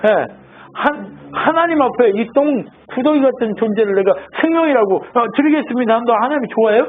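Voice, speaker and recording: A man's voice: extremely high pitch, animated, fairly quick. A male pastor preaching in a chatty, teasing way, often putting questions to his congregation. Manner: conversational, quizzes the congregation, teasing and playful. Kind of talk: sermon. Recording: tinny phone-like band, faint noise.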